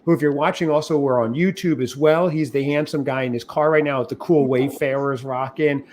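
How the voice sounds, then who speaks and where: A man's voice: medium pitch, fairly even intonation, fairly quick, darkish tone, slight background noise. A man co-hosting a podcast, chatting casually and playfully with mock boasts. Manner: playful, jokey, slips into a mock announcer voice. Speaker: podcast co-host.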